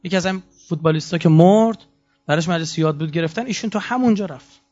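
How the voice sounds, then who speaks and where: A man giving a lecture, telling stories and acting out the quotes. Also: fairly high pitch. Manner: animated storytelling with acted-out quotes. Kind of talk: anecdotal lecture. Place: lecture hall. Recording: muffled lo-fi lecture recording.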